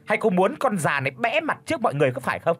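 A man voicing a spiteful old woman, a bullying mother-in-law, in a shrill, sharp-tongued scolding voice. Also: big pitch swings, breathy edge, exaggerated voice. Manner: scolding, fast accusing questions. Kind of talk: audiobook character voice.

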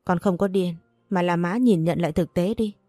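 Woman doing a young daughter, calm, persuasive, dry close sound, faint music behind. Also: on the low side, moderate pace, dry recording, close to an everyday voice. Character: young daughter, resolute and self-sacrificing.

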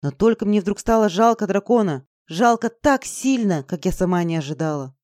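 A reader narrating a fantasy audiobook in an even, dramatic storytelling manner. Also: medium pitch, normal speed, dry recording, clean studio sound.

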